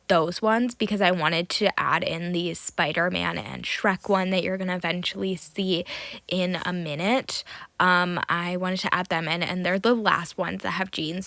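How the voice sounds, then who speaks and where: Nasal, gravelly woman rambling casually. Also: fairly low pitch, bright, forceful tone, no room sound. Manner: rambling, self-correcting, frequent ums and likes. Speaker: doll collector vlogger. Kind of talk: casual voice-over commentary.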